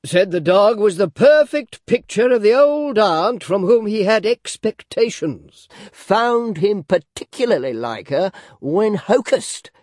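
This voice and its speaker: Deliberate drawling gentleman, slow and measured, pitched up, voiced by a male narrator. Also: animated, no room sound, studio quality. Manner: very slow, measured, drawn-out phrasing. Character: extremely deliberate gentleman, drawling a dog story.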